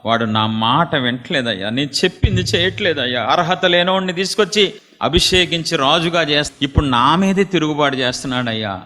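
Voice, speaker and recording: A sorrowful, wounded god laments the king who turned against him, as a preacher puts him on. The voice is lower than the preacher's usual talk, bright in tone, and it rings through a long, echoey hall. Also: expressive, a little fast. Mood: grieving. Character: grieving deity, hurt by a disobedient king.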